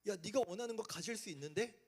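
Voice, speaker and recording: A man voicing a sly male devil who coaxes in a hushed voice, repeating short urgings. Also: sits high, fast, husky. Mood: coaxing. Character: sly whispering male devil tempting listeners.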